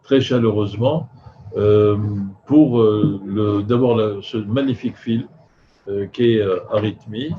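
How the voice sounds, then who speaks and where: A man's voice: lowish voice, steady tone. An older man hosting a live film event, courteous and very hesitant, with slightly slurred speech from loose dentures. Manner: halting, hesitant, courteous, with frequent long filler pauses. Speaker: host of a film festival video conference. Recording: dull video call audio, faint noise.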